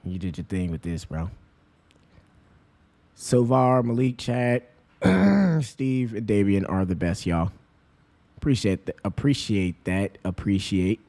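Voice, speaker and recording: A young man streaming a roleplay game, chatting casually with friends in an excitable, slangy way that keeps breaking into laughs. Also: lowish voice, slow pace, pauses often.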